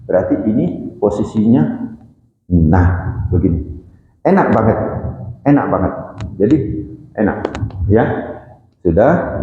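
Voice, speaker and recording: East javanese guy, a doctor giving a chatty talk in a mosque, very dark mellow voice, long echo, kinda muffled. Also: fairly low pitch. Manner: lively, demonstrative, directs the audience. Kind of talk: casual religious health lecture. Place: large mosque hall. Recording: echoey hall, dull lo-fi sound.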